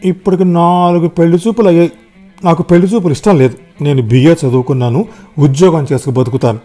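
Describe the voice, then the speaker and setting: A man's voice: fairly high pitch, steady tone, fast talker, warm tone, soft background music, natural voice. Man putting on a stubborn, hot-tempered young woman. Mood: annoyed. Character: young female graduate, quick-tempered and stubborn.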